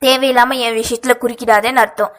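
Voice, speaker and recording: A woman's voice: on the high side, fairly even intonation, fast, fairly bright tone, natural voice. A woman voicing a curt, arrogant young male police officer who gives short, commanding lines.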